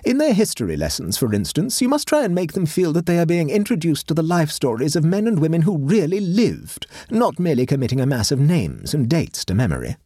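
Storybook: a bossy high-society matron, lofty and overbearing, as a male narrator puts her on, husky, ranging widely. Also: wildly swooping pitch, brisk, few pauses, dark tone, no echo, studio quality. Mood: imperious. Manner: pompous, domineering. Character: imperious wealthy middle-aged woman employer.

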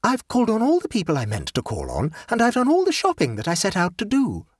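A chattering society lady, cheerful and hopelessly absent-minded, rambling on in a high, bright, swooping voice, as a male narrator puts her on. The tone is a little husky and very dry, as in a storybook read aloud. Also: huge pitch swings, fast, dry recording, full character voice. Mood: breezy. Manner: breezy, rambling.

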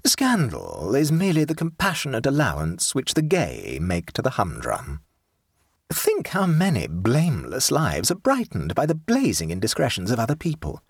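Ironic drawling young dandy, read by a man: husky, very animated pitch, dry sound. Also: moderate pace, dry recording, exaggerated voice. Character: young witty languid dandy gentleman. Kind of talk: audiobook character voice.

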